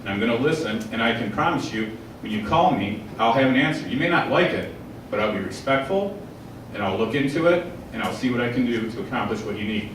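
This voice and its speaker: A man's voice: medium pitch, expressive, brisk, a bit bright, slight background noise. A man in his forties, a candidate answering questions at a public forum in a plain-spoken, earnest way, heard from far off in a large echoey hall. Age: 40s. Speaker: political candidate.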